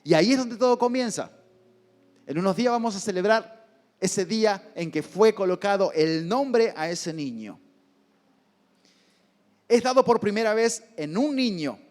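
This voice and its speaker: High-voiced slow preacher. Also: male voice, animated, darkish tone. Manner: deliberate preaching, rhetorical questions, swelling emphatic repetitions. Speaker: pastor. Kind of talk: sermon. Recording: long reverb from a big hall.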